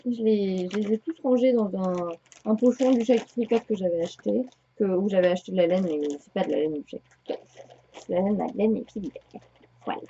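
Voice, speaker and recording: Talking fairly quickly in a medium-pitched, dark voice, a woman in her thirties rambles to her viewers about what she's been knitting and sewing, with many hesitations. The podcast is a dull, lo-fi home recording with a little hiss or hum.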